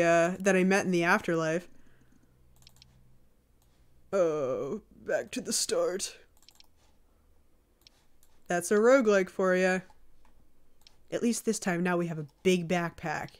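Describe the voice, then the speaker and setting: A woman streamer giving casual, chatty commentary while she plays a game, reacting with quick exclamations. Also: medium pitch.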